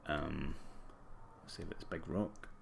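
Deep, gravelly man with broad Scottish accent. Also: fairly even intonation, slow, background noise. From Scotland. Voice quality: groggy, gravelly throat. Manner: informal, thinking aloud while working. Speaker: tutorial presenter. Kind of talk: casual screen-recorded software tutorial.

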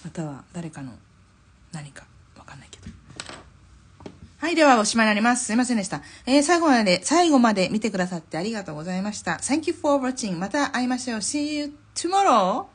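A middle-aged Japanese drawing teacher hosts a live stream, chatting casually as she draws, laughing often and reading viewer comments aloud. Her husky, medium-pitched voice is very animated and fast, picked up by a phone or camera mic.

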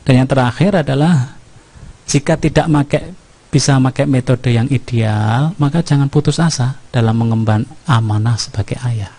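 A man with a Javanese accent preaching a humorous sermon, telling lively stories and often checking in with "ya kan?". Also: medium pitch, normal speed. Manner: lively storytelling, keeps asking "ya kan?".

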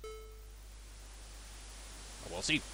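Speaking very slowly over music, a man with a cold and a somewhat worn voice makes chatty, self-mocking remarks about his own boxing play. He's a let's play gamer whose pitch swings in a lively way.

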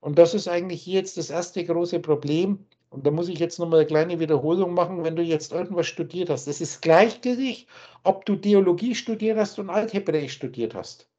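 A man lectures over a video call, pressing his points with insistence and circling back to repeat them. His voice has a husky, breathy edge. The call audio comes through muffled and lo-fi. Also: high voice, a little fast, dark tone. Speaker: spiritual teacher.

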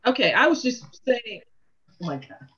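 A woman's voice: on the high side, big pitch swings, normal speed, sharp tone, lo-fi sound. A woman in a video call meeting whose audio is breaking up and dropping out, repeating herself to be heard. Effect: call dropping out, choppy breaking-up audio.

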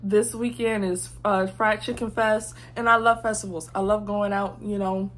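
A woman in her twenties talking casually to her phone camera in her bedroom. She is candid and slangy, and swings between hushed and loud. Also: mid-range voice, level tone, normal speed. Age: 20s. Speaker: vlogger. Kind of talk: casual vlog chat to camera. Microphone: phone mic.

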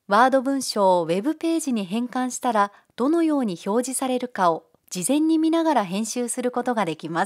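A woman giving calm, polite, step-by-step narration for a software tutorial. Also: on the high side. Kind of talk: scripted screencast narration.

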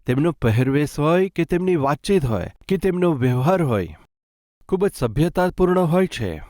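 A man's voice: fairly high pitch, very animated, normal speed, darkish tone, no room sound, clean studio sound. A man preaching a sermon, earnestly asking his listeners rhetorical questions and ending in prayer. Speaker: pastor.

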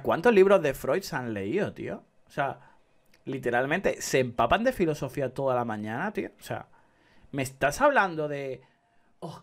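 A young man from Spain with a Spanish accent, giving sarcastic, slangy let's play commentary full of swearing. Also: on the high side. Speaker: gaming youtuber.

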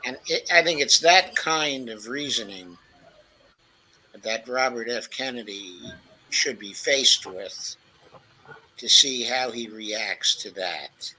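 A man's voice: medium pitch, takes it slowly, pushed and bright, slightly rough, poor audio. A man joining a casual political discussion over a video call, emphatic, dropping in "okay" asides. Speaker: guest.

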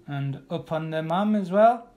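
A man with a fairly high voice guides a live painting class, encouraging the viewers as he works. He talks in a loose, chatty way, full of ums and restarts while his brush moves. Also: expressive, measured pace, a little mellow. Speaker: illustrator teaching a live art class. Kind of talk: casual live draw-along class.

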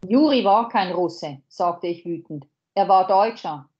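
A woman's voice: mid-range voice, dark tone, highs cut off, natural voice. A woman reading a desperate teenage girl. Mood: pleading. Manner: read aloud slowly from a novel.

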